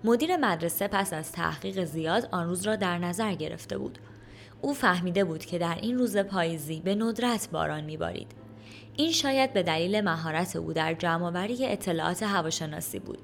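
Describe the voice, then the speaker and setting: A woman reading a children's story aloud as an audiobook narrator, calm and even. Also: lowish voice, gravelly, slight background noise. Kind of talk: scripted narration.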